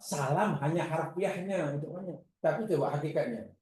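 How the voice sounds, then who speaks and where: A man teaches a religious class in a lively, animated way, acting out his examples as he goes. His voice sits a little high but stays soft and mellow. The recording carries a heavy echo from the room. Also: moderate pace. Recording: echoey room.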